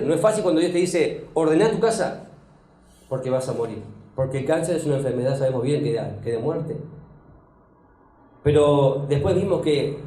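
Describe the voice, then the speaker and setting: A man preaching a sermon in a church, his voice mellow and fairly high for a man. He builds his points with rising emphasis and calls on the listeners to answer back. The sound rings through an echoey church hall. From Uruguay. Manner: preaching with rising emphasis and audience call-backs. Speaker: pastor.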